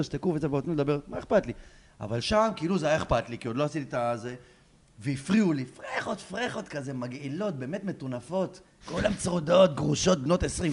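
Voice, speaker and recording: A man, a stand-up comedian, telling a story on a talk show and acting out the shouting voices in it. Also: fairly high pitch, slightly rough. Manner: acts out screaming voices in his story. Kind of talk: animated storytelling.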